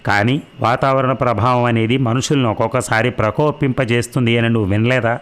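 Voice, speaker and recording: A man voicing a calm older husband and father in a read-aloud novel, speaking in a patient, persuasive way. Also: medium pitch, brisk, close to an everyday voice. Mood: reasoning.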